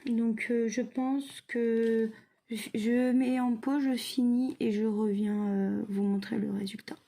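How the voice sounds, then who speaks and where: Woman, mellow soft-edged tone, slow pace, hesitant halting phrasing, casual craft vlog review. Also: a little high, fairly even intonation, creaky. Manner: hesitant, halting delivery with trailing, unfinished phrases. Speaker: craft video creator.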